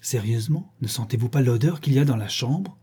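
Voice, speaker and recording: A man voicing an uneasy English gentleman who sounds strained and disgusted, in a storybook reading. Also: mid-range voice, expressive, fairly quick, slightly rough. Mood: queasy.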